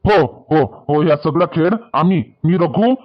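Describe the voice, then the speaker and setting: A man's voice: fairly high pitch, measured pace. A man with a Varhadi accent acting in a rustic village comedy sketch, talking emphatically and repeating himself. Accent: Varhadi Marathi. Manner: emphatic and repetitive, pleading. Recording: dull lo-fi sound.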